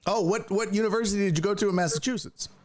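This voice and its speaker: A man hosting a sports talk show, chatting casually and joking playfully with his guest. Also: rapid-fire. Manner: joking, playful, swings into high disbelieving tones. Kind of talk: casual interview chat.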